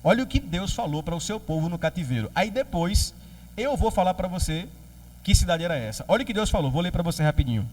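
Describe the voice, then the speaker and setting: A man with a Brazilian Portuguese accent preaching a sermon as pastor, lively and joking, acting out quoted voices. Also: high-pitched, fast, far from the mic.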